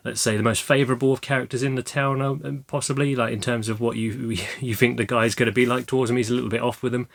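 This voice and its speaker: A young man talking casually about his film collection, rambling with many ums and restarts, his throat slightly croaky. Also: medium pitch, little pitch movement, quick pace, few pauses. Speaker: video creator showing a film haul. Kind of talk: casual chat.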